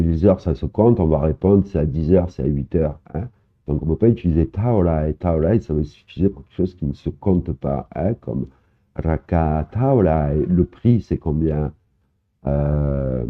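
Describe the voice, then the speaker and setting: A man teaching a language lesson in a casual, hesitant way, repeating words slowly and often adding "hein". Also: low voice. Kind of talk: casual online lesson explaining vocabulary. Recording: narrow phone-like sound.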